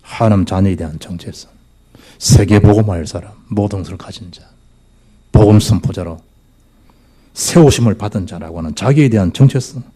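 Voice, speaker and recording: A man preaching as a pastor, swinging from loud exclamations down to near-whispers. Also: fairly low pitch, moderate pace, pauses often, slightly rough. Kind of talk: sermon. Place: church sanctuary.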